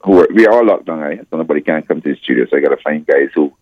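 An older man calling into a radio show as a guest musician, with a deep morning voice, telling a rambling story full of restarts. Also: racing, dry recording, phone-quality sound. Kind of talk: phone-in radio interview.

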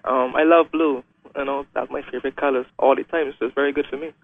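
A man's voice: medium pitch, steady tone, quick pace. A young man from Guyana, a wheelchair racer talking hesitantly as a guest in a radio interview. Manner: hesitant, many "um"s and restarts. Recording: phone-line radio call.

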